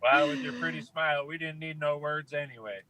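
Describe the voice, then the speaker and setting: A man's voice: a little high, fairly quick, bright, forceful tone. An American man co-hosting a show with casual, easygoing, informal banter. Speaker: show co-host. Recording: clearly noisy, ambient background sound.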